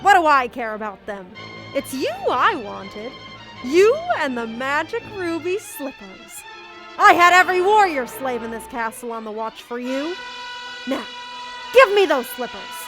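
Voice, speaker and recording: A woman's voice: high voice, big pitch swings, measured pace, low-quality recording. A teenage girl playing a tyrannical, gloating wicked witch in a stage play, imperious and taunting. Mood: scheming, menacing. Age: teens. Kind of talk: high school stage play acting. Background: music.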